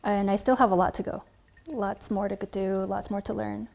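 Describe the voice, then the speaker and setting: A Californian in her twenties, this coffee content creator and barista chats to camera about her own experiences, relaxed and reflective, in an American accent. Her mid-range voice holds a steady tone at a moderate pace, creaky and a little mellow.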